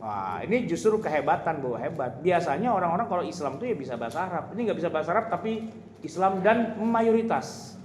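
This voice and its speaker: Joking preacher. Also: male voice, on the high side, big pitch swings, brisk. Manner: humorous, chatty, laughing often, addressing the audience directly. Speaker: Islamic preacher. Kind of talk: informal religious lecture. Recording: echoey hall with loud ambient noise.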